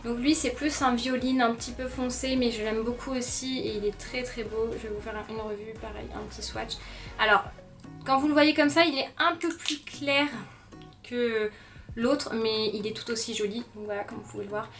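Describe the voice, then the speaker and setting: A young woman with a slightly high voice talks about her seasonal favorites in a casual, enthusiastic way, pausing often with little fillers. She is recorded a little away from the microphone, and soft music plays quietly underneath. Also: steady tone, far from the mic. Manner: chatty, frequent "euh" fillers, gentle and enthusiastic. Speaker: beauty vlogger. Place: bedroom.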